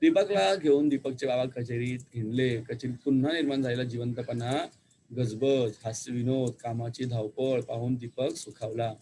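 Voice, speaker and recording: A male teacher tells a story to his pupils at an easy middle pitch, pausing to ask them questions. A faint hiss sits under his voice. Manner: animated storytelling with asides to pupils. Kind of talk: reading a story aloud to students.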